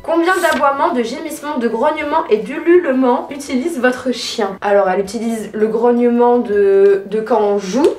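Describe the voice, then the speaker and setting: A woman's voice: normal speed, hardly any pauses, darkish tone. A young woman from France chatting casually in a vlog at home, playfully talking to her puppy in between. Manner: playful, breaks into high sing-song baby talk with the dog. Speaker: vlogger. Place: home, indoors. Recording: echoey room with background music.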